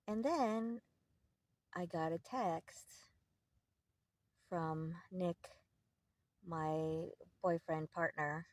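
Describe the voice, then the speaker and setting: A soft-spoken woman narrates her van travel vlog in a relaxed, unhurried way. Her voice is bright and slightly low, and she talks as if thinking aloud. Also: no echo. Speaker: vlogger. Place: van and beach.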